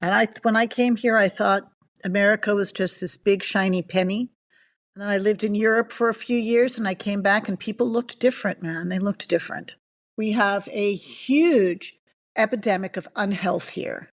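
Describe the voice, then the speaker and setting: This Bahamian woman in middle age works as a nutrition coach and is talking as a guest on a casual podcast. Her medium-pitched voice keeps a steady tone at a moderate pace while she chats enthusiastically in a storytelling way.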